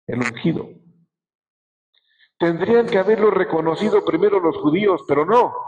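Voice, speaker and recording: A man delivers a bishop's sermon, leaning on key words and stretching them out. His voice sits a little high for a man. The sound carries a long reverb, as if he were preaching in a large church. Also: gravelly, a little mellow. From Mexico. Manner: slow, emphatic preaching with drawn-out words. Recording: echoey church hall.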